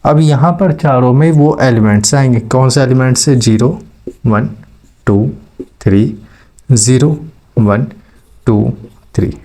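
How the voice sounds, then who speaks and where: Slow, mellow-voiced man teaching maths. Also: medium pitch. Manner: slow, step-by-step explaining with check-in questions. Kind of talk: classroom lecture.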